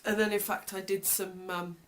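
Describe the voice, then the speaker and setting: A woman's voice: medium pitch, flat delivery, normal speed. A British woman talking casually in a personal video diary, reflective and hesitant, often trailing off mid-thought. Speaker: vlogger.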